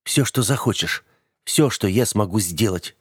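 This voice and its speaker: A man voicing an earnest, calm young gentleman. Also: fairly low pitch, measured pace, husky, no room sound, clean studio sound.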